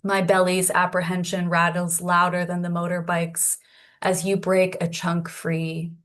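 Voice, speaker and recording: Slow, flat-voiced Canadian woman poet. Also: on the low side. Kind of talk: poetry reading.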